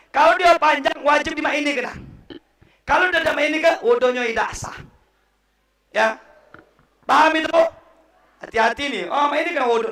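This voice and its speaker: A young man with a Palembang accent preaches in a mosque, quizzing his listeners and correcting their recitation. His voice is high and bright. It reaches the mic from a distance, in an echoey room. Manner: animated, quizzing the audience and correcting them. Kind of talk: sermon to school students.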